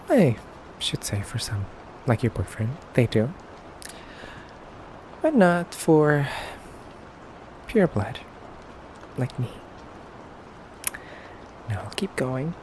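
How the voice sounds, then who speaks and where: In an intimate ASMR roleplay monologue, a man plays a haughty pure-blood vampire interrogating his human captive. His mid-range voice moves slowly, broken by hesitant pauses, and carries a teasing, condescending politeness over clear ambient noise.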